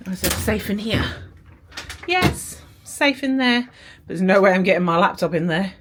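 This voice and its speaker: Expressive and brisk, a British woman with a medium-pitched voice vlogs from a cruise ship in a rambling, chatty way with lots of fillers. Clear music plays behind her casual travel talk, and there's background noise too.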